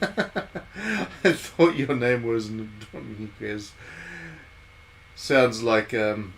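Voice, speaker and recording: Drawing out his words with vocal fry, a mid-voiced man rambles his way through casual live commentary on a visual novel he's streaming, thinking aloud as he goes. There's constant background noise in the recording.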